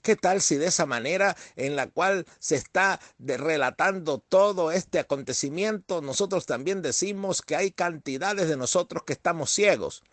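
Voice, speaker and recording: A middle-aged man, a pastor, reading scripture in a measured way and then preaching a sermon with growing emphasis. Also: on the high side, no room sound.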